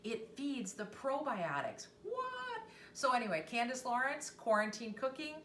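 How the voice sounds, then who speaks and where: A woman's voice: a little high, animated, moderate pace, a bit bright, a little hiss or hum. Chatty woman demonstrating cooking in a kitchen. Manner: chatty, enthusiastic, talks to viewers directly. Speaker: cooking show host. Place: home kitchen. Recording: roomy echo, mic at a distance, faint ambience.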